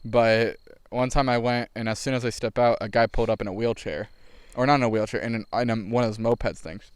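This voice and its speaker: A man's voice: mid-range voice, steady tone, fast talker, smooth, dry recording. A young man co-hosting a podcast, casually rambling through a story and laughing as he goes. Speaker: podcast co-host. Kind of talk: casual chat.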